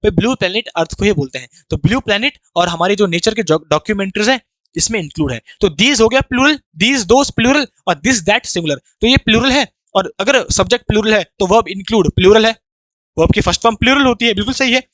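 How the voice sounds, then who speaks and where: A man's voice: high-pitched, lively intonation, fairly bright tone, no room sound. A man teaching a grammar lesson for exam preparation, reading each sentence out word by word and then explaining it. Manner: explains slowly, reads English sentences word by word then explains them. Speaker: English teacher.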